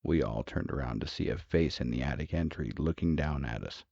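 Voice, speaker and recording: Brief: very low, gravelly male narrator for horror tales, dry and slightly lo-fi. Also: a little mellow, dry recording. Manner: measured, dramatic. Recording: dull, dry, lo-fi.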